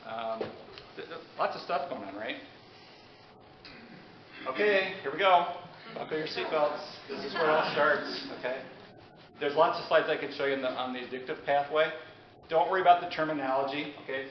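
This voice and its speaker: A man's voice: on the high side, moderate pace. Chatty man lecturing in an echoey room. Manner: chatty, asks the audience questions. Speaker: pharmacist giving a public talk. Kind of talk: informal lecture. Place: meeting room with an audience. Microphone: handheld mic. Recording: echoey, dull, noisy room recording.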